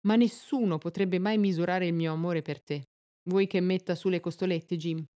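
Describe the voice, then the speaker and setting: A woman's voice: lowish voice, moderate pace, warm tone, lightly acted. A woman voicing an anxious young wife who pleads earnestly and tenderly. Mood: insistent.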